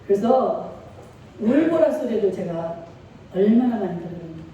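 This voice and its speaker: Woman, pastor, middle-aged, emotive sermon, dark mellow tone, echoey hall, faint background hiss. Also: medium pitch, animated, normal speed, dull audio. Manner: emotive, preaching with call-and-response. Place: church sanctuary. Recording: echoey church hall from far off.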